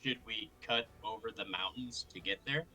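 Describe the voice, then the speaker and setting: A man playing a tabletop game, proposing plans and asking quick, direct questions. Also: on the low side, sharp tone, soft background music, low-quality recording. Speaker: player.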